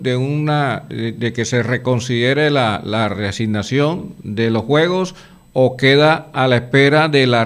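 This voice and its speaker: A man interviewing on the radio, asking long, halting questions full of fillers. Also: medium pitch.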